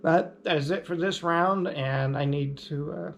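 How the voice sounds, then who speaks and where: A man's voice: on the high side, a little slow, vocal fry, a little hiss or hum. A man talking through a casual explanatory vlog in an easygoing, plainspoken way with light humor. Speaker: vlogger.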